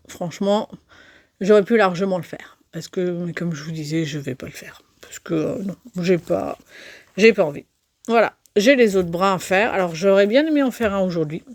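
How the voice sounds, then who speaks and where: A woman's voice: mid-range voice, normal speed, a little mellow, no room sound. Casting note: middle-aged woman, casual crafting vlogger, chatty and self-deprecating, loose filler-heavy delivery. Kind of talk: casual crafting vlog chat.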